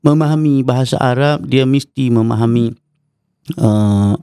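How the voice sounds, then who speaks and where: A man's voice: mid-range voice, measured pace, mellow, smooth, no echo, studio quality. A Malaysian man with a Malaysian Malay accent, a Quran recitation teacher explaining patiently and breaking into melodic chanted examples. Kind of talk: explanatory podcast interview. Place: mosque podcast studio.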